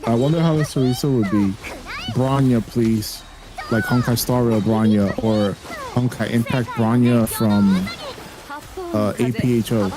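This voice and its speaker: A young man raised by a Spanish-speaking family and living in the US, a native Spanish speaker, chats casually as a gaming streamer. His mid-range voice moves a little slowly, and he's blunt and slangy, swearing freely.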